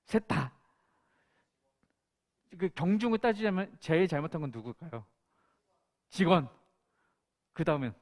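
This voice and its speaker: A man's voice: on the high side, very animated, unhurried, pauses often, a little mellow. A male pastor preaching a sermon, telling an anecdote and acting out the quotes in it. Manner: storytelling with acted-out quotes.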